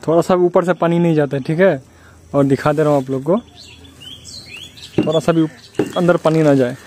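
A man's voice: on the high side, steady tone, moderate pace, dark tone, slight background noise. A young man from Bihar, India, talking casually to his phone at arm's length outdoors, chatty and complaining as he explains things step by step. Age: young adult. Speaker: village vlogger. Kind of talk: casual vlog to camera. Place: outdoors at a building site and rice fields. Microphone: phone held at arm's length.

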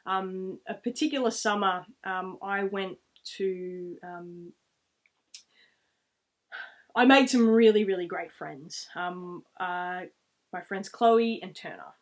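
A vlogger in her thirties, seated in a small room at home, talks slowly to camera in a mid-range voice. With an Australian accent, she shares stories in a loose, casual, reflective manner.

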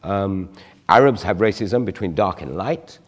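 A man in his forties, appearing as a guest on a studio panel, reflectively explains his view using examples. His low voice is expressive and unhurried, carrying the big-room sound of a TV studio stage.

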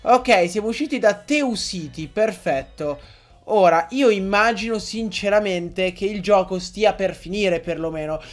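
A young man giving excitable, joking Let's Play commentary to his viewers, often swearing. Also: sits high, measured pace, faint music behind. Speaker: gaming YouTuber.

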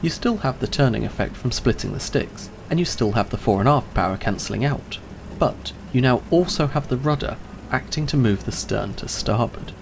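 A man giving a scripted, clear and measured explainer narration about handling ships. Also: mid-range voice, animated, background noise. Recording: voice-over with faint music behind.

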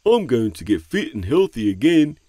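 A man's voice: medium pitch, big pitch swings, normal speed, warm tone, no room sound. A man voicing a cheerful male cartoon friend who loves sweets, chatty and easily tempted, talking to himself. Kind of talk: animated children's cartoon acting. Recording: light background music.

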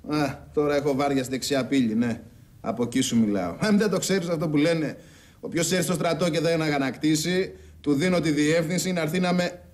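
A man playing a flamboyant, gossipy army conscript with a slightly high voice. He talks in a theatrical, camp way, in a TV drama. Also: lightly acted. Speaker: soldier on guard duty.

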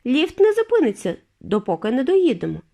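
A gallant, cheerful eccentric gentleman who runs a factory, as a woman plays him in a storybook. His voice is bright and reassuring, with a lively, bouncing pitch. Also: brisk, gravelly, heavily acted. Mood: cheery.

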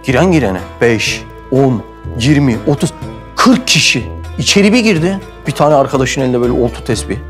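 A man from Mersin, Turkey hosting and telling a comic anecdote in a lively way, acting out quoted voices. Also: mid-range voice, fairly quick, faint music behind. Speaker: host and storyteller. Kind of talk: animated comic anecdote storytelling.

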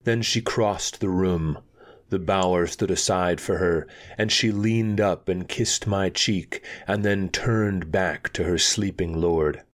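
Deep, slow male storyteller. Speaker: audiobook reader. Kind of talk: scripted fantasy narration.

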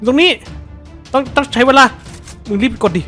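A man's voice: very high voice, expressive, normal speed, sharp tone, soft background music. A man hosting a let's play, swearing freely, yelping in surprise and laughing often as he plays. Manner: laughs often while playing. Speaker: gaming channel host.

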